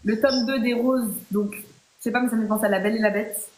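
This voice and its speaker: A woman's voice: on the high side, steady tone, fast, slight background noise. A woman hosting a live chat, talking playfully and chattily with many fillers and restarts. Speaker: live stream host. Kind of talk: casual chat. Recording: roomy echo.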